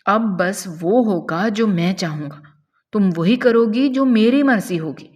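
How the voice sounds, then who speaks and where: A woman's voice: on the low side, in a large hall, close to an everyday voice. A woman voicing a domineering young man who mocks and threatens a captive woman in a spoken story. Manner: mocking, menacing and possessive.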